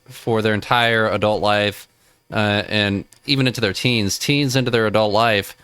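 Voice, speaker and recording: A man's voice: on the low side, steady tone, moderate pace, a bit bright, clear, resonant tone, no room sound. A man hosting a reaction video, giving rambling casual commentary over a clip.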